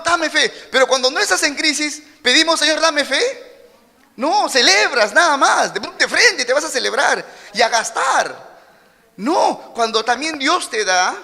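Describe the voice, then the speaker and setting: A man's voice: very high voice, big-room sound. A man with a Peruvian accent preaching a sermon as pastor, acting out little quoted scenes as he teaches. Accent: Peruvian Spanish. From Peru. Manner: animated preaching with acted-out quotes. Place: church hall.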